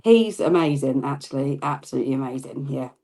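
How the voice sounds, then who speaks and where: A woman's voice: very deep voice, expressive, fairly quick, dark tone. A middle-aged woman chatting casually as a podcast guest, often ending on tag questions. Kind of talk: casual chat.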